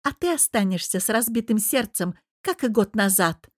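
A woman's voice: mid-range voice, expressive, moderate pace, no echo, clean studio sound, lightly acted. A woman reading an audiobook who voices a jealous, scheming young woman with a sulky, purring, spiteful manner.

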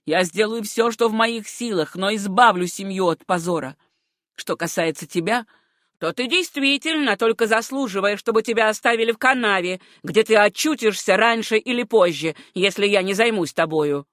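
Brief: woman reading a harsh, bullying uncle, loud and contemptuous, dry close audiobook sound. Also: mid-range voice, normal speed, no echo, lightly acted. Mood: angry scolding. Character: stern angry middle-aged uncle, scornful and bullying.

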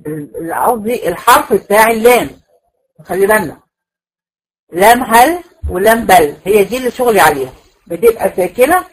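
A woman's voice: on the high side, breathy edge, rough recording. A woman with an Egyptian accent teaching Quran recitation rules in a classroom lecture, patiently repeating points and checking that students follow. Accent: Egyptian Arabic.

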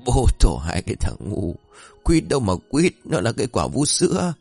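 A man voicing a rowdy, boastful old drunk master in a comic story, bickering loudly. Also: medium pitch, wildly swooping pitch, normal speed, creaky, husky, no echo, faint music behind, voice pushed up, heavily acted. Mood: quarrelsome.

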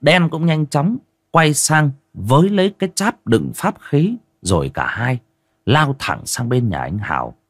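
A man narrating a horror audio story in a dramatic, expressive storytelling way. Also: medium pitch, measured pace, breathy edge, dry recording. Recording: dry close recording with faint music.

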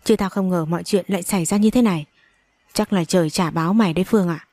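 An audiobook narrator reads a dramatic storybook aloud, giving every character strong emotion through acted dialogue. Her voice sits on the low side and sounds mellow, her pace is quick, and the recording is dry.

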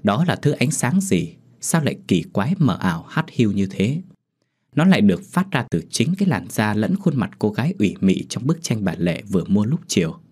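A man narrating a horror story in a steady, descriptive storytelling manner. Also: lowish voice, brisk, breathy edge.

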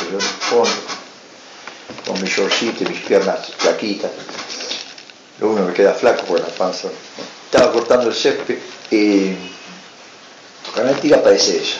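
Man with an Argentine accent, echoey lecture. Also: on the low side. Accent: Argentine Spanish. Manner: tells anecdotes, acts out dialogue, adds "¿eh?" asides. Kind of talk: storytelling conference talk. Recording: roomy, dull lo-fi recording with faint hiss.

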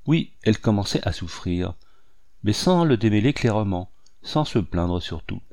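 Audiobook reader: man, low voice, measured and expressive, dry close recording. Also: no echo. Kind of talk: reading a classic novel aloud.

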